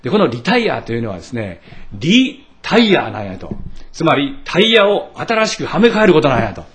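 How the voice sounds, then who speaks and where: A man's voice: fairly high pitch, fairly quick. A middle-aged Japanese man preaching a sermon as pastor, telling stories with asides and asking the congregation questions. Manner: animated storytelling with asides and rhetorical questions.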